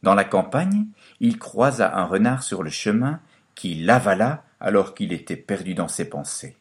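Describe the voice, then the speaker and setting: Man, fairy-tale narrator, very deep voice, lively pitch, expressive storytelling. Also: moderate pace.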